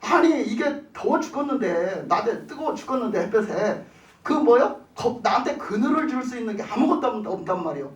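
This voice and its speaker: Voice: mid-range voice, big pitch swings, fairly quick, distant mic, lightly acted. A preacher voicing a sulky prophet who complains about the heat, recorded in an echoey room away from the mic. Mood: grumbling. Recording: roomy church, voice off mic.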